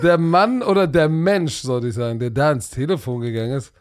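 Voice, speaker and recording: A man's voice: on the high side, fairly quick. A man hosting a podcast in a casual, chatty style. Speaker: podcast host.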